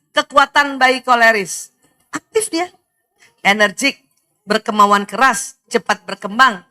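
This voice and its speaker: Animated high-voiced Indonesian woman lecturing. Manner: animated, laughs often, addresses audience directly. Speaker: speaker giving an Islamic study talk. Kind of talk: lively religious lecture to women.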